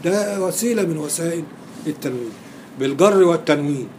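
A man's voice: on the high side, expressive, fast talker, a little mellow, slight background noise. Egyptian man teaching grammar, quizzing students. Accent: Egyptian Arabic. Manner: quizzing students, repeating and stressing key words. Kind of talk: classroom lecture with questions to students.

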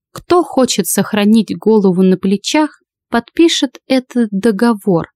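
A woman voicing a stern, composed old woman who speaks in a measured, dry way. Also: a little high, dark tone, dry recording, pitched above the performer's own voice.

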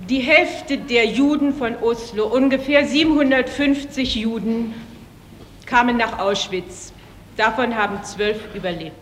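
Slow, matter-of-fact woman witness. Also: fairly high pitch. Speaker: witness giving testimony. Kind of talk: archival testimony. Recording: old archival recording in a hall with faint noise.

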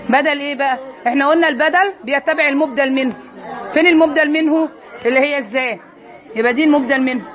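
A woman teacher with an Egyptian accent giving a classroom lesson, posing questions and answering them herself. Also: high voice. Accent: Egyptian Arabic.

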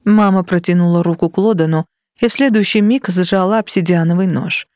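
A woman narrating a fantasy novel as an audiobook, in an even, measured storytelling manner. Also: lowish voice, dry recording, clean studio sound. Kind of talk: scripted fiction narration.

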